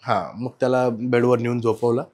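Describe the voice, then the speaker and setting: A man telling a personal ghost story as a podcast guest, animated in a casual chat, his voice rising and falling as he goes. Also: mid-range voice, normal speed. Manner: animated, swings loud and soft while telling the story.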